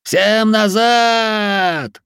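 A man voicing an exhausted young militiaman who shouts gruff orders. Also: on the high side, expressive, moderate pace, no echo, clean studio sound, voice pushed up. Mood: commanding.

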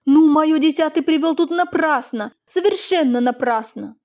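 A woman reading an audiobook, voicing a quick-tempered landowner's wife who speaks briskly. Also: sits high, sing-song, darkish tone, pitched above the performer's own voice. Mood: indignant. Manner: brisk, indignant.

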